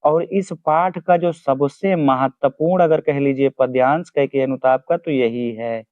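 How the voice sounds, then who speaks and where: A man teaching a Hindi poem to school students, giving each word's meaning slowly and repeating it so they can write it down. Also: medium pitch, fairly even intonation, no room sound. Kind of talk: explaining poem word by word. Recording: dry, phone-like narrow sound.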